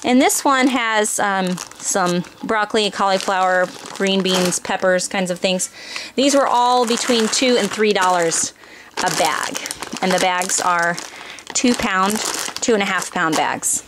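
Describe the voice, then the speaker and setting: A woman's voice: medium pitch, background noise. Chatty woman doing a grocery haul vlog. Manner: chatty, reads prices off a receipt, frequent pauses and fillers. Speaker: homeschooling mother and vlogger. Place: home kitchen, indoors.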